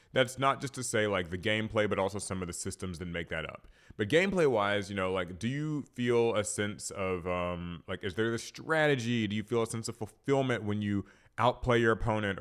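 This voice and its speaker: Somewhat stuffed up from a cold, the young host of a card game podcast rambles solo to camera in a casual way, with lots of fillers and restarts. He has a lowish, slightly bright voice.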